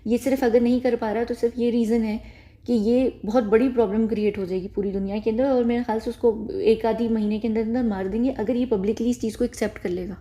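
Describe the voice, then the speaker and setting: A woman's voice: a little high, fairly even intonation, quick pace, warm tone. A woman talking casually to her viewers in a rambling way, repeating phrases and correcting herself as she goes. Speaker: YouTube commentator. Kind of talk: casual spoken commentary to camera.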